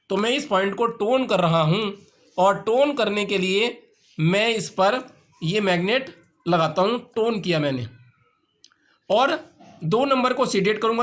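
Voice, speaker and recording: A man's voice: high voice, fairly bright tone. A man teaching an acupressure treatment, explaining each step patiently and repeating the points. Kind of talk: instructional demonstration.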